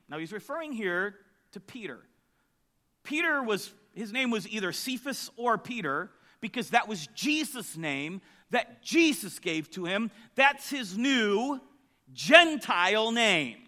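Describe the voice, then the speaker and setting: A man teaches scripture in a chatty sermon style. His voice is bright and sits a little high for a man, and he keeps checking in with his listeners. The delivery stays conversational throughout. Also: sing-song, slow pace. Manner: conversational, asks the audience questions. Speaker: preacher.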